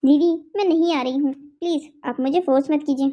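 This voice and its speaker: Stubborn young bride in a cartoon, defiant and careless, voiced by a woman with a high, mellow tone. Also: brisk, a little hiss or hum, close to an everyday voice. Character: young carefree younger daughter-in-law, stubborn.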